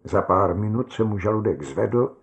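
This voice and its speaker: A man narrating a short story in a measured, calm audiobook reading. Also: lowish voice.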